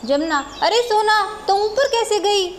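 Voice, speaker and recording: A woman voicing a caring young village daughter-in-law who speaks softly and with affection in a storybook tale. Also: very high voice, lively intonation, a little slow, slight background noise, voice pushed up. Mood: gentle. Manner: soothing, affectionate.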